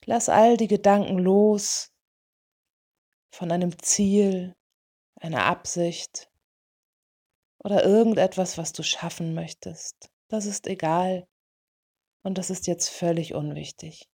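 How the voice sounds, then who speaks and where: Slow, mellow woman guiding a meditation. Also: lowish voice. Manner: soothing, gentle, unhurried delivery in short phrases. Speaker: meditation guide for dog owners. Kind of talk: guided meditation.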